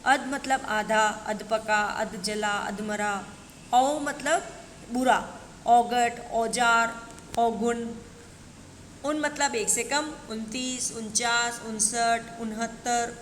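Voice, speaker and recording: A woman teacher with a slightly high voice talks slowly through a list of examples. She speaks to her students like a patient, familiar guide. The recording sounds like a bare room with a long echo. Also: steady tone. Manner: slow, listing examples one by one, calls students "beta". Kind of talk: classroom grammar lesson. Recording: echoey room with long reverb, faint noise.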